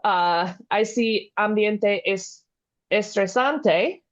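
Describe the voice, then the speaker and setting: Woman co-host, curious learner, careful with foreign words, quick laughs; a bit dull-sounding recording. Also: medium pitch. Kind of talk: casual teaching chat.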